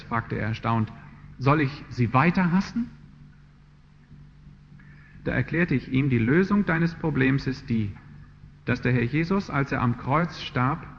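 A man delivers a sermon in an earnest, searching manner and grows emphatic as he drives his points home. The recording is dull and lo-fi, with a long hall reverb and a faint hiss behind him. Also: medium pitch. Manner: earnest, rising to emphatic passages. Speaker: preacher.

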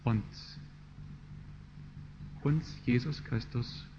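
Earnest German preacher in a reverberant hall. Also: male voice, medium pitch, very slow. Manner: earnest, rising to emphatic passages. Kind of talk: sermon. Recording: dull lo-fi sermon recording with hall reverb and faint background noise.

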